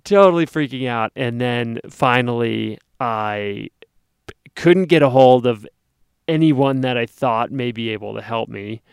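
A man in his thirties tells a story in a casual, lively way, jumping into loud acted-out shouts of his own panic. His voice is smooth and clear, at a middle pitch. It is recorded dry and close, with no room sound. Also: unhurried, no room sound. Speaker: podcast co-host.

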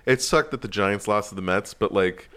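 A young man co-hosting a podcast, chatting in a relaxed way full of fillers. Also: lowish voice, moderate pace, clean tone. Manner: relaxed, filler-heavy rambling. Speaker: podcast co-host. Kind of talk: casual chat.

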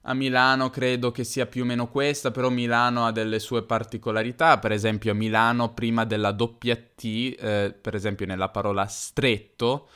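Brief: man with a Piedmontese accent, smooth resonant voice, mid pitch, improvising a teaching podcast. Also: little pitch movement, a bit bright. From Turin, Italy. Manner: unscripted, explains slowly, self-correcting and self-deprecating. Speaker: podcast host. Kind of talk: improvised educational podcast for learners.

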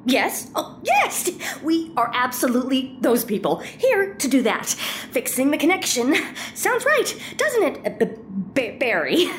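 A woman playing a bossy, excitable schemer. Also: high-pitched, unhurried, slight background noise, exaggerated voice. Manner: brash, bossy, with bursts of nervous excitement. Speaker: scheming partner in a heist.

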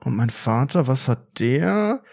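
A man's voice: medium pitch, big pitch swings, slow pace, creaky, darkish tone. A man in his twenties co-hosting a podcast, bantering in a wry, ironic casual chat. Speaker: podcast host.

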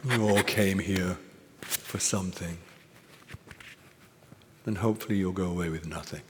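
A man's voice: deep voice, a little slow, long reverb tail, slight background noise. A man giving an informal, musing dharma talk as a Zen teacher, with fillers and asides. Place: meditation hall at a retreat.

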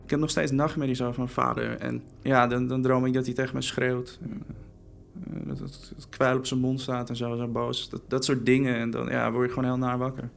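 Young male interviewee, gravelly, halting documentary testimony with faint music. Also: mid-range voice, flat delivery. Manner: hesitant, repeating words. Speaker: interviewee, son.

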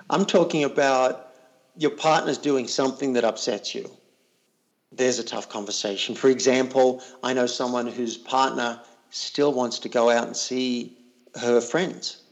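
A man speaks in an earnest, reflective way as a coach in a casual interview. His mid-range voice has a gravelly edge. He often doubles back on words while he thinks aloud. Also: medium pitch.

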